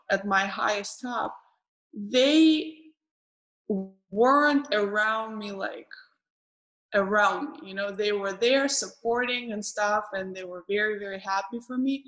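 A woman tennis player in casual conversation, talking haltingly with frequent restarts and repeated words. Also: mid-range voice, fairly bright tone, rough recording.

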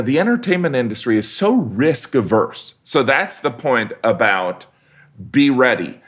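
A man from Indiana with a Midwestern accent, a comedian chatting casually as a guest and telling animated stories. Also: medium pitch. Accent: Midwestern American. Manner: animated storyteller, shifting into voices for quotes. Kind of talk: casual conversation.

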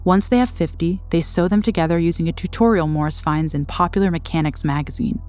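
Female documentary narrator, low register, measured dramatic read, faint score underneath. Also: a little mellow, soft background music. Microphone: studio voice-over.

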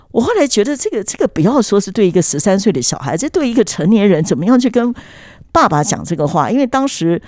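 A woman's voice: on the low side, a little mellow, dry recording, studio quality. An adult woman talking casually on a podcast, recounting personal memories in an earnest, reflective way.

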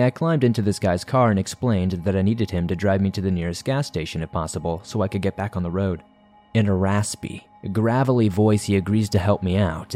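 A man narrating a scary story for a podcast in a measured, wry way. His voice is a little low and mellow, with faint music underneath. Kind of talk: scripted horror story narration.

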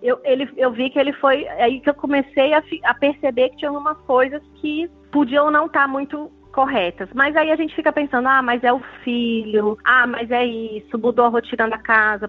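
A woman's voice: a little high, breathy edge. A woman caller, telling a personal story in a hesitant, reflective way with many restarts. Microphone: phone. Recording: tinny phone line.

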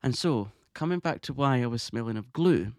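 Gravelly-voiced man, chatty podcaster. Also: mid-range voice, moderate pace, no echo, clean studio sound. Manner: chatty and excitable, laughs often. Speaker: podcast host. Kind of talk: casual monologue podcast.

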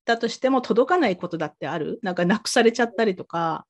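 A woman's voice: medium pitch, expressive, fast. A woman hosting a casual podcast chat, talkative with many asides and encouraging nods. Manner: chatty, frequent back-channel nods, rambling asides. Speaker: podcast host.

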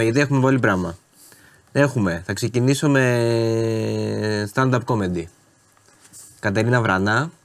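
A man with a fairly low voice co-hosts a relaxed talk show. He speaks with dry irony and calmly pushes back in debate. Between the jabs he runs through event recommendations in a chatty way. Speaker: radio co-host.

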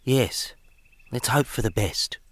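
A man's voice: medium pitch, slow pace, fairly bright tone, husky, no echo, exaggerated voice. A man voicing an anxious young male farm dog who asks worried questions in a storybook.

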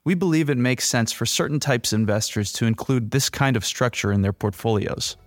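A man's voice: mid-range voice, fairly quick, dry recording, studio quality. A man delivering scripted financial commentary as a podcast host.

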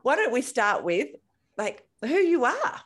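A woman's voice: high-pitched, sing-song, a little slow. Chatty woman podcast host. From Australia. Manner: friendly, chatty, laughs often. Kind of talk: casual interview chat. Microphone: video call.

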